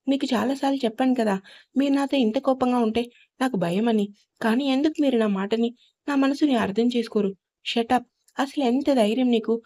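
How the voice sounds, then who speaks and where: A woman's voice: fairly high pitch, fairly quick, mellow, natural voice. A woman voicing a hurt, defiant young wife in an audio story, speaking emotionally. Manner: pleading then defiant, emotional.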